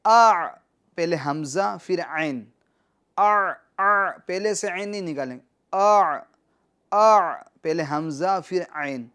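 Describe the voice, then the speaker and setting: A man teaching recitation on television, reciting words slowly and repeating them, then giving quick, quieter explanations of pronunciation rules. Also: high voice, clean tone. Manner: repeats drills patiently.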